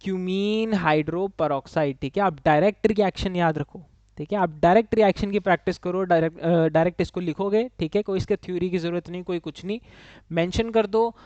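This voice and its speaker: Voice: mid-range voice, fairly quick, a little mellow, no echo. A chemistry teacher giving an exam-prep lecture, who answers their own questions and keeps checking in with the class. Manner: asks students questions and answers them itself, ends nearly every line with "ठीक है?"; mixes English phrases into Hindi. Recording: dull, dry lo-fi recording.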